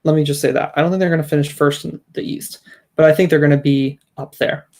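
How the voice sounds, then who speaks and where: A man's voice: on the high side, fairly even intonation, quick pace, vocal fry, darkish tone. Emphatic man arguing on a sports podcast. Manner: emphatic, argues his point with restarts. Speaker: podcast co-host. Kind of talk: casual sports chat.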